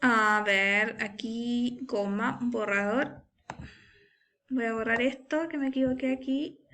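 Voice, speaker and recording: Slowly and with fairly even intonation, a woman whose sharp voice sits on the high side teaches primary school English online. She explains each step patiently and frequently checks comprehension with "¿cierto?" and "¿ya?".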